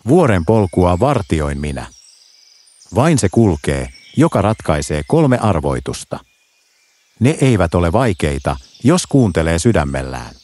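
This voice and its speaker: Man voicing a kindly fox guardian, storybook, calm riddling, low, dark tone. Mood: welcoming. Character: sly but kind male fox guardian.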